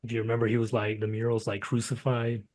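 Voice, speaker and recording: A man reviewing movies in casual chat, loose and profane, often trailing off into quiet asides. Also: medium pitch, completely flat delivery, fast.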